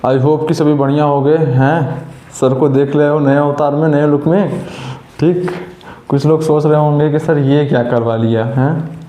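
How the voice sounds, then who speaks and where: A man's voice: a little high, steady tone, measured pace, mellow. Male teacher, echoey room. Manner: scolding and coaxing students with rhetorical questions. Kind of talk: motivational classroom talk.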